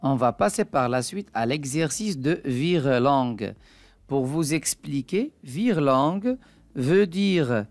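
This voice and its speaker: A woman teaching a reading lesson to a young child, speaking slowly and carefully and repeating each point. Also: sits low, dry recording. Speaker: primary school teacher.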